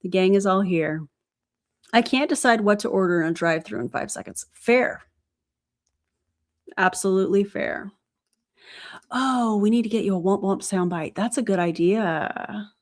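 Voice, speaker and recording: A woman's voice: mid-range voice, normal speed, pauses often. Chatty woman hosting a livestream. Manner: chatty, thanking viewers from the chat. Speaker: livestream host. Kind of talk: casual livestream chat.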